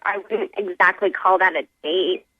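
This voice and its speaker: A woman's voice: mid-range voice, steady tone, normal speed, no room sound. Defensive woman on a dull phone line. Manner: defensive, entitled. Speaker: caller. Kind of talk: phone call on a radio show.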